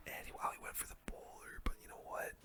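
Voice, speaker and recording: Talking fast but only in a breathy, unvoiced whisper, the host delivers casual ASMR commentary on gameplay near the mic, with plenty of gamer slang in the murmured play-by-play.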